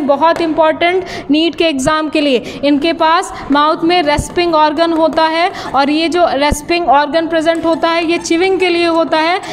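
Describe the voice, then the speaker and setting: A woman biology teacher lectures in a very high voice. She repeats key terms and asks the class quiz-style questions. Her voice rings with a long reverb. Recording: long reverb and faint background hiss.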